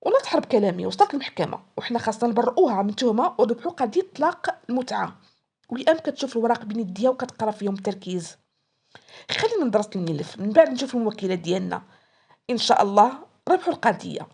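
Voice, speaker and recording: A woman's voice: fairly high pitch, creaky, slightly rough. A woman with a Moroccan accent telling a story and voicing each character in turn. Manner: voices each character in turn, quick and lively. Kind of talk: storytelling narration.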